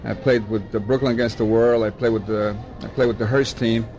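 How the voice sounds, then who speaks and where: An older man with a gravelly, creaky voice, recalling his past in a long, rambling interview. He often restarts and repeats words. A vehicle can be heard faintly behind him. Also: lowish voice, steady tone, brisk, darkish tone, highs cut off, faint music behind. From Dominican Republic. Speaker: baseball scout. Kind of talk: oral history interview.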